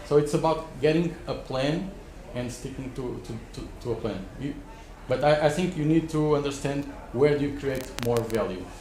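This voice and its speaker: Male panelist, off-the-cuff advice, halting delivery with many restarts, echoey room sound. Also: medium pitch, a little mellow. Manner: halting, repeats words as he rethinks. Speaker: expert panelist advising startups. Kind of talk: spontaneous advice at a live panel. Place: wood-panelled conference room.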